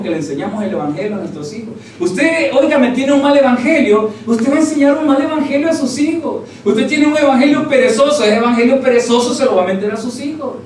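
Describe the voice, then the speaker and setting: A man preaching a sermon as pastor, peppering his talk with "brother" and rhetorical questions, heard from a distance in a very echoey church hall. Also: extremely high pitch. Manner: addresses listeners as "hermano" constantly, rhetorical questions. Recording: very echoey hall, speaker far from mic, faint noise.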